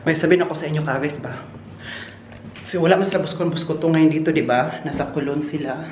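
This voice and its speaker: A man's voice: on the high side, fairly even intonation, fast, noisy background. Man vlogger at work, gossipy and giggly, roomy echo on a handheld phone. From Philippines. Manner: gossipy and giggly, laughing often. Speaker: vlogger working at a hotel. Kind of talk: casual chatty vlog. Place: indoors in a hotel.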